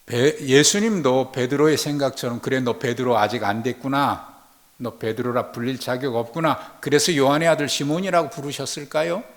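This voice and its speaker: A man delivers a sermon at a measured, reflective pace in a mid-range voice. He lets his voice sink almost to a whisper in quiet moments. Then he rises sharply to loud, emphatic declarations. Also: mid-range voice. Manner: dramatic swings from hushed, near-whispered passages to loud emphatic lines. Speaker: pastor.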